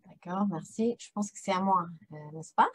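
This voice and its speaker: A woman anthropologist speaking French with a non-native accent, giving an academic presentation over a video call, halting and repeating words with frequent fillers. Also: mid-range voice, breathy edge.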